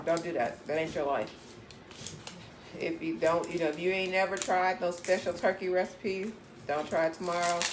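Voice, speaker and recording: A woman's voice: fairly low pitch, noisy background. A woman chatting casually in her home kitchen, giving down-to-earth cooking advice while she works. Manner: chatty, gives direct homey advice.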